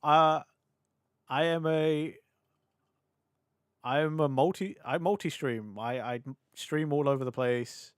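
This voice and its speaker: Chatting live with his viewers, this young British VTuber rambles, laughs easily and jumps between thoughts, his fairly high voice a bit hoarse from talking for hours. A boom-arm desk mic captures clean studio sound with no echo.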